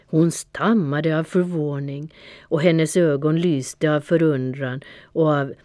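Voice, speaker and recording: A woman narrating a children's storybook in a gentle, soft-spoken way. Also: low voice, fairly even intonation, dry recording, clean studio sound.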